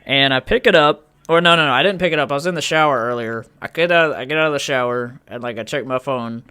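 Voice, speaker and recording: A man's voice: medium pitch, quick pace, bright, forceful tone, clean tone. A young man co-hosting a podcast, telling a story in rambling casual chat with lots of restarts. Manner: rambling, full of fillers and restarts. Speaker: podcast co-host.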